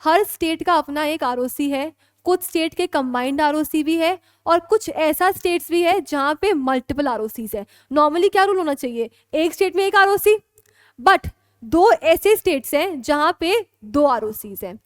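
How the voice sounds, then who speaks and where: An Indian woman lecturing on law with a very high voice. She moves between Hindi and English and keeps asking whether her students are clear. The sound is dry and close, with no room echo. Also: lively intonation, measured pace. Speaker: law teacher. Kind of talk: classroom lecture.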